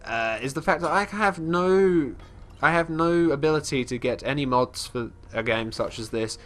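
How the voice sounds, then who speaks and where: A let's play host with a somewhat high, slightly bright voice and lively intonation talks at a normal speed. He sounds congested as he casually chats through a fantasy game, rambling and frequently restarting sentences. He describes his character's actions in the third person, giving relaxed gameplay commentary.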